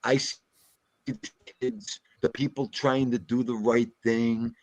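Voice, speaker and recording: A dry, close recording of a man with an average-pitched voice. He chats casually as a panelist, plain-spoken and emphatic, often restating a point to drive it home. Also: level tone, slow, no echo, low-quality recording. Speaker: livestream panelist. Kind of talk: casual chat.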